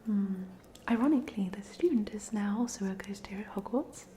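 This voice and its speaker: Whispering in a hesitant, gently rambling way, a woman acts out an ASMR roleplay as a drowned student's ghost who is polite, chatty, and amiable. Her voice is mid-range and brisk, lightly acted, with slight background noise.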